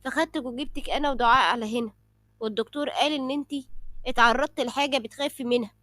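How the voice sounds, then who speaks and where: A woman's voice: on the high side, steady tone, rapid-fire, no echo, studio quality. A woman voicing a worried, caring young husband with an Egyptian Arabic accent. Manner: anxious, gently protective.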